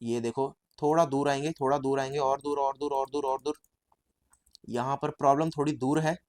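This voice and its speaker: A man teaching statistics as a story, lively and repetitive, often calling his viewers brother. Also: medium pitch, moderate pace. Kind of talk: storytelling lecture.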